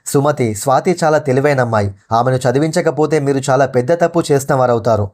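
A man's voice: medium pitch, fast talker, a little mellow, natural voice. A man voicing a bold, kind village teacher who speaks firmly and persuasively, in a storybook reading. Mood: firm persuading. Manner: firm, persuading.

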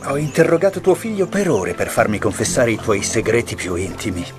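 An actor playing a wry, restless writer who used to be a cop, in dubbed film dialogue over soft music. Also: male voice, medium pitch, very animated, brisk, lightly acted.

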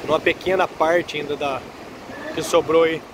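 A man's voice: on the high side, normal speed. A man casually narrating a walking vlog by the sea, chatting to his viewers as he films on a handheld phone. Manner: relaxed, chatty, addresses viewers often. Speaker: vlogger filming the beach. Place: outdoors on a windy seaside boardwalk. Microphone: handheld phone camera. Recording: loud wind and surf noise. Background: waves and passing traffic.

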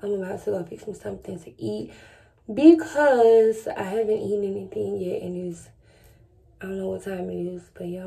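A woman's voice: medium pitch, vocal fry, mellow, poor audio. A woman chats casually to camera, congested and slightly lisping from wearing retainers. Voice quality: congested, stuffed-up nose. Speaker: vlogger. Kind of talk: casual vlog chat to camera. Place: small indoor room at home, close to camera.

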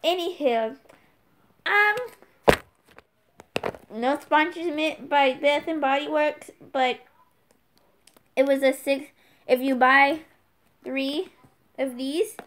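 A woman's voice: sits high, slow pace, long pauses, fairly bright tone, a little hiss or hum. A young woman chatting casually on her vlog, rambling playfully and jumping from topic to topic. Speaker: YouTuber.

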